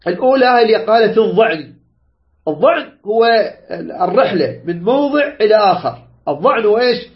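High-voiced man teaching Quran pronunciation. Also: sing-song. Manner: repeats and quizzes students, drawn-out example words. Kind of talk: classroom tajweed lesson. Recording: dull lo-fi recording.

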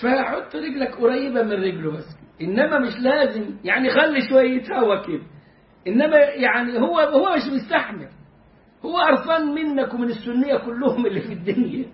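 A man with a strikingly high voice and an Egyptian accent gives a religious lesson with humor. He drags words out slowly to model how they should sound. The recording is echoey and a little dull. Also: animated, a little hiss or hum. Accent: Egyptian Arabic. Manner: humorous, demonstrative, drawing out words to teach pronunciation. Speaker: Islamic jurisprudence teacher.

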